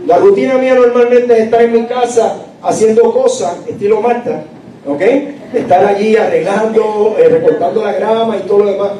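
A man's voice: high-pitched, moderate pace, warm tone, a little hiss or hum. A man in his late fifties preaching a chatty, humorous sermon, often asking the congregation questions. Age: late 50s. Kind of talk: conversational sermon.

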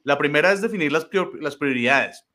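A man's voice: fairly high pitch, animated, brisk, sharp tone. A man hosting an online event, thanking the speaker with some hesitant fillers. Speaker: event host.

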